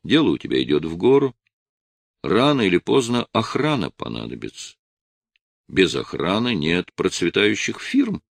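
A man reading an audiobook voices a gruff police officer who gives curt, brisk instructions. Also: deep voice, huge pitch swings, dry recording, full character voice.

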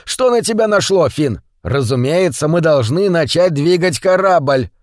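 A man's voice: on the high side, unhurried, dry recording, clean studio sound, close to an everyday voice. A man doing a blunt, demanding engineer.

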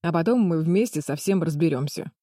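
A woman's voice: deep voice, a little fast, mellow, dry recording, studio quality. A woman voicing a proud, fiery old grandmother who snaps and scolds indignantly. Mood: icy. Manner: snapping, indignant.

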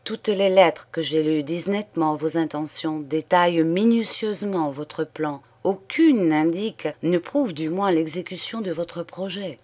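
A woman's voice: on the low side, a little mellow. A woman reading a dignified young viscount. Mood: measured. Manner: clear, measured, composed. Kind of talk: audiobook character reading.

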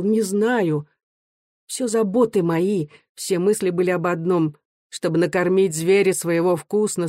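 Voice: medium pitch, mellow, no room sound, studio quality, natural voice. Reader voicing an aching older mother. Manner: earnest, confiding. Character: kind weary older mother, pouring her heart out.

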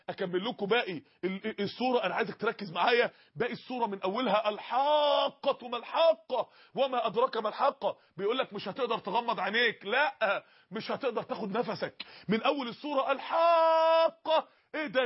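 Egyptian guy preaching, really high voice, fast and husky, kinda muffled lo-fi audio. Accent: Egyptian Arabic. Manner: impassioned, pleading, acts out dialogue with God. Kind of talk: emotional Egyptian Arabic sermon. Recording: dull lo-fi sound.

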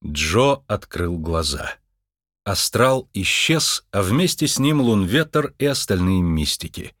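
Male narrator for a storybook audiobook; expressive, very animated pitch, dry booth. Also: slow, no echo. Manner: expressive, lively reading. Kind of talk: audiobook reading.

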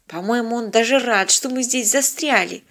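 A woman reading an audiobook and voicing an earnest young female zoologist who speaks high and pleading. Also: normal speed, a bit bright. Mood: annoyed.

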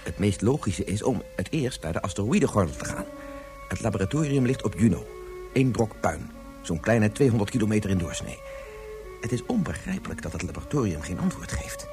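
Over music, an actor voices a determined, guilt-ridden scientist and father in a Dutch radio drama. His delivery is earnest, measured and insistent, in a fairly low voice with lively intonation.

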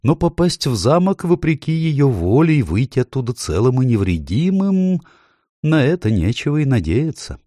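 A man's voice: mid-range voice, very animated, normal speed, mellow, dry recording, clean studio sound, voice pushed up. A man playing motherly Mrs. Beaver. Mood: soothing. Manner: soothing, sympathetic. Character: motherly female beaver, gentle and sensible. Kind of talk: audiobook character voice.

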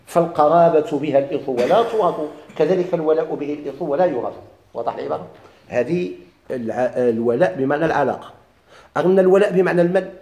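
رجل بلهجة مغربية يلقي درساً في الفرائض، يكرر المصطلحات ويسأل طلابه. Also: male voice, mid-range voice, mellow, echoey room. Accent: Moroccan Arabic. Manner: repeats key terms, quizzes students. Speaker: teacher of Islamic inheritance law. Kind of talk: classroom lecture, questions and answers.

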